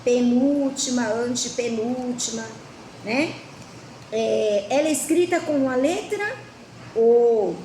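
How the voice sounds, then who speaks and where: Brazilian woman teacher, slightly high voice, slow and patient with kids, echoey room, faint noise. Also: warm tone. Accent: Brazilian Portuguese. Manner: slow, patient, asks the class questions. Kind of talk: children's lesson.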